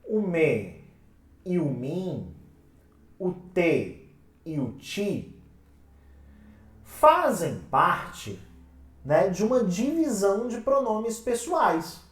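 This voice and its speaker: A woman's voice: on the low side, very animated, drawn-out words, pauses often. A woman with a Brazilian Portuguese accent giving an exam-prep lecture, asking her class questions and answering them herself. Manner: calls the listeners "minha gente". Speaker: teacher. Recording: roomy sound from a distant mic.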